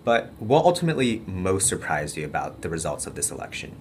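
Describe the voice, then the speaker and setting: A man's voice: deep voice, very animated, brisk, a little hiss or hum. A man hosting a podcast, reading scripted lines and interviewing people with some hesitant fillers. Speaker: podcast host.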